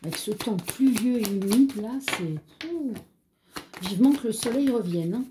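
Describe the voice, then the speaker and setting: A woman's voice: fairly high pitch, lively intonation, measured pace, noisy background. A French-accented woman giving a casual tarot reading, hesitant with many fillers and chatty asides, a slight frog in her throat. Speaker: tarot card reader.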